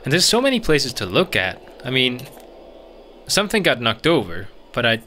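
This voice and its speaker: Bright-voiced man casually narrating a game. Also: mid-range voice, wildly swooping pitch, normal speed, a little hiss or hum. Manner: thinks aloud, chatty and rambling. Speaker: gaming streamer. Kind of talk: casual let's play commentary.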